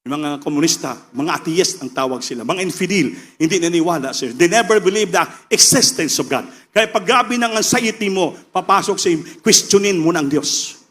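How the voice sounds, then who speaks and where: A man with a Filipino accent preaching a sermon with passion, swinging between loud preaching and quieter asides. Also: high voice, animated, moderate pace, few pauses.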